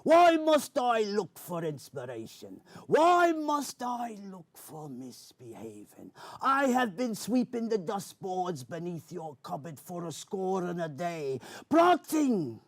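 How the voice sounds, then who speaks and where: A man voicing a theatrical, indignant old pirate captain in a grandiose, drawn-out spoken word performance with archaic phrasing. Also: high voice, huge pitch swings, dry recording, voice pushed up, heavily acted. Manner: declamatory, drawn-out archaic orator.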